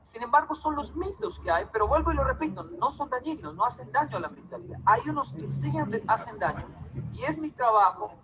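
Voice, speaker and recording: A man's voice: very high-pitched, very animated, fairly quick, background noise. A man from Colombia, giving a storytelling talk to a live audience and acting out quoted dialogue in different voices. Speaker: public speaker.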